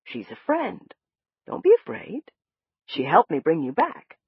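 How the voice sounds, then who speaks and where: A woman voicing a calm male doctor who soothes a frightened patient, in an audiobook reading. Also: on the low side, unhurried, husky, no room sound, dull audio, exaggerated voice. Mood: soothing. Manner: soothing, reassuring. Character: calm, gentle male doctor, middle-aged.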